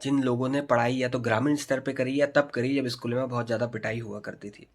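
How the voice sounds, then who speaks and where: A man in his thirties telling a school story to camera, chatty and animated, talking straight to his viewers. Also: mid-range voice, quick pace. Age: 30s. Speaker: storytelling vlogger.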